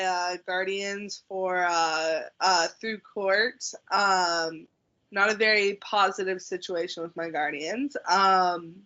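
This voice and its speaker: A woman's voice: mid-range voice, pushed and bright. A woman guest in a casual podcast chat, speaking hesitantly with fillers. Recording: dull lo-fi recording.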